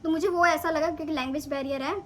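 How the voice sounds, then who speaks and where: A woman's voice: high-pitched, fairly even intonation, fast, a little hiss or hum. A young woman in clinical training, chatting animatedly as she retells her own experiences in a casual vlog.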